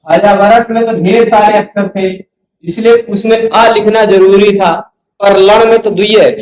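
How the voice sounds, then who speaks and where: A man's voice: high-pitched, fairly even intonation, a little mellow, reverberant, rough recording. A man teaching Sanskrit grammar in a patient lecture, sounding out syllables one by one and checking that his students follow. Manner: patient, repeats syllables slowly, asks students questions. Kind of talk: explanatory lecture.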